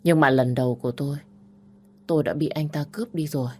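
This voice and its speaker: A woman narrating an audiobook in a calm, measured, polite way. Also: low-pitched, a little hiss or hum. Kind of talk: scripted story narration.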